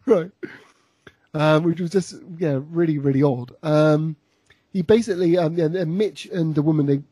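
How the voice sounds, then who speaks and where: A man's voice: on the high side, mellow, husky, dry recording. A man chatting casually as a podcast co-host, recapping an episode with a rambling, laughing delivery. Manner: rambling, many restarts and laughs. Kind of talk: casual chat.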